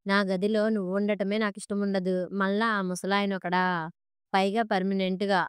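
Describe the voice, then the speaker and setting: A woman's voice: mid-range voice, flat delivery, normal speed, smooth, dry recording, clean studio sound, lightly acted. A woman voicing a sulky, resentful teenage boy who talks bluntly and irritably.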